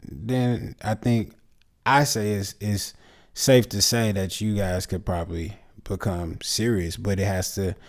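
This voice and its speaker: Slow gravelly-voiced man podcast host. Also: lowish voice. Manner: slow, relaxed, joking. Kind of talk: casual relationship chat.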